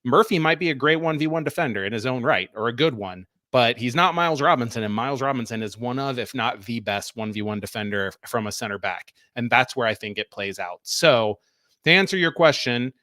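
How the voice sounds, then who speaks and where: A man co-hosting a soccer talk show, walking through each play in detail with a steady, explanatory delivery. His voice sits at an ordinary middle pitch and sounds dry and close to the mic. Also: brisk, dry recording. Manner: explanatory, talks through plays step by step. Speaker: co-host, soccer analyst. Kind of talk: tactical breakdown, casual podcast talk.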